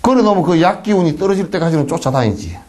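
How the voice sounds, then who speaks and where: This man's voice is a little high, and he races along. He's a monk speaking with a Gyeongsang Korean accent, giving a folksy dharma lecture in a temple hall, peppered with rhetorical questions and mock flattery.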